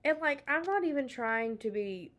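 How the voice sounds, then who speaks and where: A woman's voice: sits high, lively intonation, normal speed, fairly bright tone. A woman with a Southern US accent co-hosting a podcast in casual chat, brash and teasing and cursing freely. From South Carolina. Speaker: podcast co-host.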